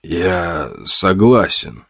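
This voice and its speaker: A man's voice: fairly low pitch, a little slow, no room sound, studio quality. A man voicing a beaten, weary man pleading for a girl's life in an audiobook. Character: desperate battered man pleading for a girl.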